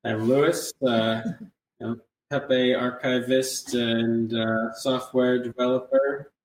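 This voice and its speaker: A man guest, an archivist and software developer, speaking in a measured, thoughtful way. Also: mid-range voice, level tone, recorded from a distance, a little hiss or hum. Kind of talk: casual panel chat. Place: shared room with other guests. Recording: echoey room, off-mic.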